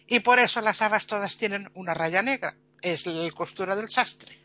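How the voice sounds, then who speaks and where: Bright-voiced woman telling a folk tale. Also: medium pitch, moderate pace, dry recording. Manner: lively, with sound words. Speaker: storyteller.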